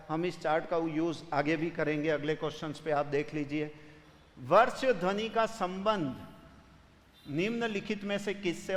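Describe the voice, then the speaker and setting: A man's voice: a little high, big-room sound. A man teaching grammar for an exam, explaining step by step and putting students' questions to himself. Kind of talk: exam-prep lecture solving questions.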